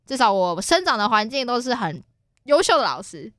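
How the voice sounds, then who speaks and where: Woman from Taiwan, podcast co-host, quick reactive quips, brisk pace. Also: a little high, very animated, a bit bright, dry recording, studio quality. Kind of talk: casual chat.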